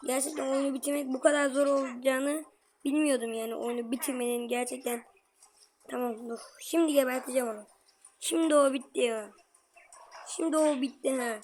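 A woman giving excitable let's-play commentary, talking straight to her viewers and grumbling at the game. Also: sits high, a little fast, a little hiss or hum. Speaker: gameplay commentator.

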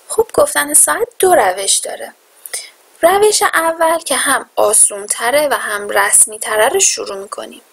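Woman teaching English slowly. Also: on the high side, fairly bright tone. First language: Persian. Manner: repeats English phrases slowly and clearly for learners. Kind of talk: online lesson with repeat-after-me drills.

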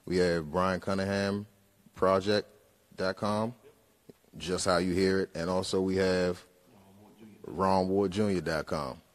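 A man's voice: deep voice, takes it slowly, pauses often. A man in his thirties, a rapper, talking into a handheld mic on a concert hall stage and then rapping in punchy rhythm. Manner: relaxed talk trailing off quiet, then punchy rhythmic rap. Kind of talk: interview answers, then rapping over live winds. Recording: live music in a hall.

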